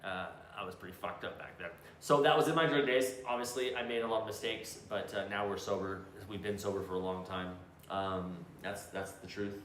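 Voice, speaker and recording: A man's voice: fairly low pitch, fairly even intonation, a little fast, hardly any pauses, a bit bright. A man in casual chat, telling stories bluntly with a lot of swearing and restarts. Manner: blunt, profane storyteller with many restarts. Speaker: co-host. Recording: roomy echo, faint background noise.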